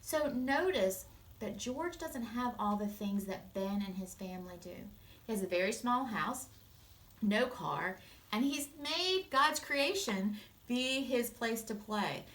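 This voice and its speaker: A woman's voice: a little high, animated, takes it slowly, fairly bright tone, echoey room, rough recording. A woman teacher reading a picture book aloud and stopping to explain words to children.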